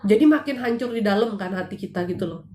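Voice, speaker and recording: A middle-aged woman from Indonesia hosting a live show, telling a heartfelt personal testimony in a lively storytelling manner with rhetorical questions, at home. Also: medium pitch, quick pace, a little hiss or hum. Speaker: host giving spiritual consultation. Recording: echoey room.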